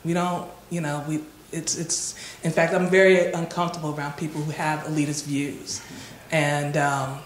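A woman's voice: sits low, little pitch movement, normal speed, slight background noise. A woman speaking on a panel discussion, thoughtful and searching for her words. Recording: echoey hall with faint ambience.

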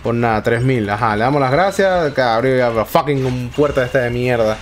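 A young man giving excitable let's play commentary, swearing often and talking to himself. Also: medium pitch, normal speed, faint music behind. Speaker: gaming YouTuber.

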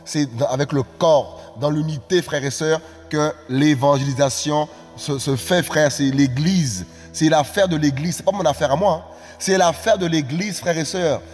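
A man preaching a live-streamed sermon, exclaiming and repeating phrases, often rising into shouted appeals. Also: on the high side, normal speed. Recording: reverberant room with faint music.

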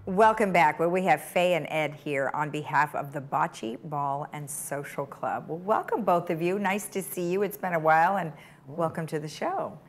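A woman hosting a studio interview show, chatty and quick with follow-up questions, laughing along with her guests. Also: sits low. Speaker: talk show host. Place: TV studio set.

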